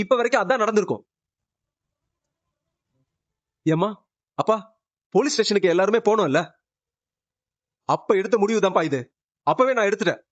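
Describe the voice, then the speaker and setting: A man's voice: high-pitched, no room sound. An actor playing a grown son who pleads with his parents, close to sobbing, in a Tamil serial drama. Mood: resolute. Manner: pleading, breaking into sobs. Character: grown son refusing his estranged wife, anguished. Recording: dull muffled TV-serial audio.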